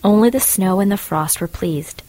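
A woman calmly narrating a fairy tale in a measured storytelling manner. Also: medium pitch, dry recording. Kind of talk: storybook reading.

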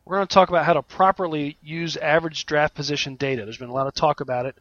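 A man's voice: fairly high pitch, fairly even intonation, fast, a bit bright, no room sound. A man giving informal sports analysis as a regular radio contributor. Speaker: baseball analyst and columnist. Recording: slightly dull, muffled line.

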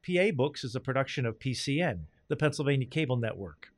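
A man hosting a podcast, reading a scripted introduction in a smooth, announcer-like manner. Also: mid-range voice, sing-song, fast. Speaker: podcast host, interviewer.

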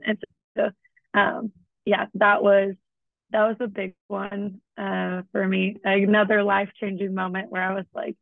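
A woman's voice: medium pitch, gravelly, no echo. Earnest young woman over a tinny line. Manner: earnest, humble, laughs often, many "like" and "um" fillers. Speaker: podcast guest, former student-athlete. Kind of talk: casual interview talk.

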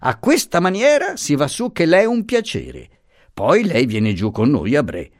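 A man voicing a grown male lawyer who talks with a phlegmatic, teasing calm. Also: fairly high pitch, a little slow, pitched above the performer's own voice, heavily acted. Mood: mocking calm.

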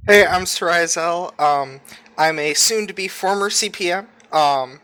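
A man co-hosting a podcast over online voice chat, talking casually with hesitant pauses and some teasing. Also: high voice, bright, forceful tone, smooth. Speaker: podcast co-host.

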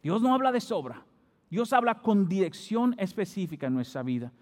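Pastor preaching animatedly. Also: male voice, high-pitched, normal speed. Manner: animated preaching, rising to emphatic peaks. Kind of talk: sermon. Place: church hall. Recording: long hall reverb.

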